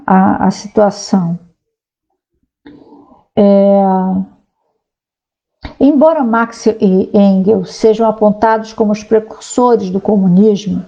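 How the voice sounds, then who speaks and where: A woman's voice: medium pitch, dark tone, dull audio. A woman sociologist talking casually to viewers, explaining ideas and reading aloud from a website, with frequent tag questions. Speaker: sociologist commentator.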